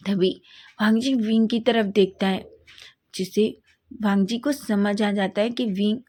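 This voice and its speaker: A woman's voice: medium pitch, steady tone, a little slow, darkish tone. A woman reading a romance fan fiction story aloud, often stumbling and restarting words.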